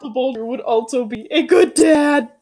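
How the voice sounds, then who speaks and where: A woman playing a simple, stubborn, soft-hearted giant who talks about themself in the third person. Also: sits high. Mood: earnest, stubborn. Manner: slow, speaks of self in third person.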